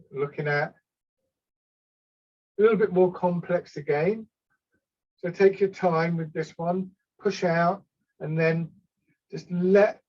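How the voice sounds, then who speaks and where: A man gives calm, unhurried step-by-step tai chi cues as an instructor, sometimes hesitating and correcting himself. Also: fairly high pitch. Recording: slightly dull, lo-fi sound.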